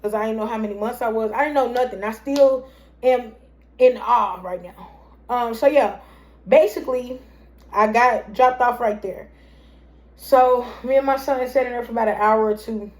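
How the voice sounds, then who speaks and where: A woman's voice: fairly high pitch, normal speed, darkish tone. A young woman telling a personal story in a casual, rambling way, often calling her viewers "y'all".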